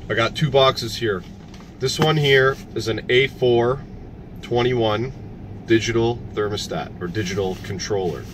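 A man in his thirties, an HVAC technician from Canada, explaining a repair step by step in a relaxed, plain-spoken way. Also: medium pitch, a little slow, noisy background. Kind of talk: casual how-to explanation. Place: parked work van, then a commercial building.

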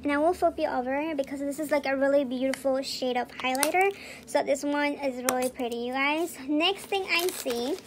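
High-voiced chatty woman unboxing products. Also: a little hiss or hum. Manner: chatty and excitable, gushing over products. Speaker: beauty vlogger. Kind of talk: casual unboxing review.

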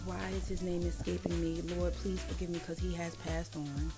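A woman in her forties, a singer chatting in a casual live-stream interview, animated and quick to giggle. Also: fairly low pitch, music in the background. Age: 40s. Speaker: singer guest.

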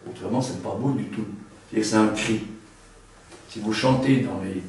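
A man who sings tenor gives a seminar lecture, talking haltingly with many restarts and a frequent tag word. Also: lowish voice, a little mellow, a little hiss or hum. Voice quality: trained singer's voice, a tenor. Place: seminar room. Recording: very echoey room, mic far off.

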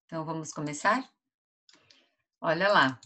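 Slow, bright-voiced Brazilian woman teacher. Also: low-pitched. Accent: Brazilian Portuguese. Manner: slow, stretches out each word syllable by syllable. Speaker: first-grade teacher. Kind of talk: online lesson for young children.

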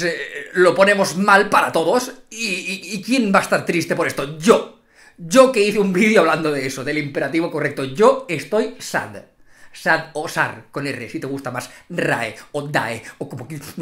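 A man with an accent from Spain rants in a comedic vlog, sarcastic and theatrical. His voice swings widely up and down as he mocks and exaggerates, never staying flat for long. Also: high voice. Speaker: YouTuber.

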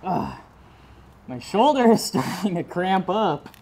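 A young man chatting casually in a garage workshop vlog, self-deprecating and quick to laugh. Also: high voice, sing-song, a little mellow. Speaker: vlogger.

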